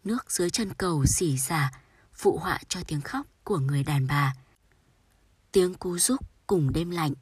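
A woman reading a sorrowful short story aloud in a soft, storytelling manner. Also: sits low, normal speed, slightly rough, no echo. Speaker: audiobook narrator. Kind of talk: scripted literary narration.

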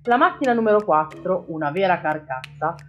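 A woman's voice: on the low side, lively intonation, brisk, highs cut off, close to an everyday voice. A woman reading an audiobook, voicing a boastful, bullying father who deals in cars. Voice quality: loud, bullying, self-satisfied. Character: blustering boastful father, a crooked car dealer.

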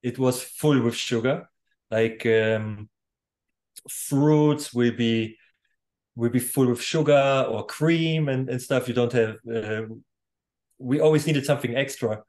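A man's voice: mid-range voice, takes it slowly, darkish tone. A man in his thirties, born in Poland and raised in Germany, speaking English as a second language with German as his first, chatting as an interview guest who laughs easily and restarts his sentences. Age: 30s. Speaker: guest, music producer. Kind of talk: casual interview.

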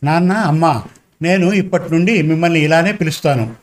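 Man voices a gentle young man returning home in a storybook, earnest and warm-hearted. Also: a little high, brisk, natural voice.

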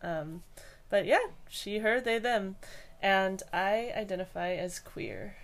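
A young woman from Hawaii is a podcast guest with a mid-range voice and lively intonation. She answers interview questions thoughtfully but hesitantly, with many pauses and restarts.

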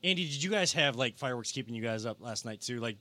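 A young man hosting a casual sports podcast, energetic and given to repeating himself. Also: medium pitch, quick pace, no echo. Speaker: podcast host.

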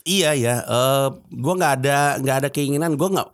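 A man, a stand-up comedian telling stories as a podcast guest, animated and acting out phone calls. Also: mid-range voice, moderate pace, no echo, studio quality. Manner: animated storytelling, acts out phone calls and laughs often. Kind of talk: casual podcast chat.

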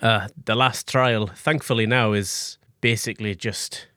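A man's voice: on the low side, steady tone, a little slow, bright, forceful tone, dry recording, clean studio sound. A man running a tabletop game as game master, narrating in a laid-back, chuckling way.

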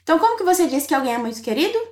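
High-voiced woman teaching Italian. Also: big pitch swings, darkish tone. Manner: encouraging, models phrases slowly for repetition. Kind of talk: language lesson narration.

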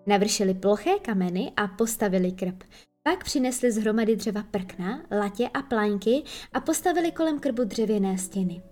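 A woman reading a children's story aloud with lively, gentle storytelling. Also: medium pitch, faint music behind. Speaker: narrator.

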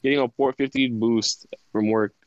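A young man chatting casually and haltingly, peppering his sentences with filler words, on slightly dull audio. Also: mid-range voice, fairly even intonation, no room sound. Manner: halting, full of "like". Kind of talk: casual chat.

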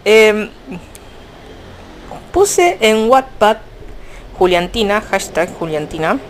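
A young woman with an Argentine accent, chatting casually about fanfiction in a rambling, animated way. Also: mid-range voice, takes it slowly, a little hiss or hum. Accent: Argentine Spanish. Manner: chatty, rambling, frequent restarts and fillers. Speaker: fanfiction vlogger. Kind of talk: casual chat.

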